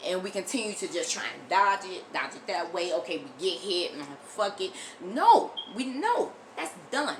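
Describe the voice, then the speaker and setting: A woman's voice: lowish voice, fairly quick, few pauses, a bit bright, a little hiss or hum. An American woman delivering an impassioned, blunt opinion monologue as a video commentator, emphatic and repeating phrases for force, often swearing. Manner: frequent swearing.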